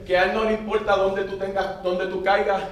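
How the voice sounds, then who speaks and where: A man's voice: high voice, level tone, fairly quick. A man preaching a sermon, getting the congregation to repeat phrases back to him. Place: large church hall. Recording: echoey church hall, mic at a distance.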